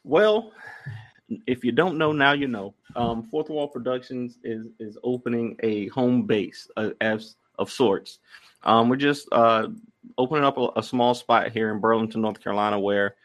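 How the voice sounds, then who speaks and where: Male co-host, mid-pitched. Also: normal speed. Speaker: podcast co-host, comic creator. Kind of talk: casual chat.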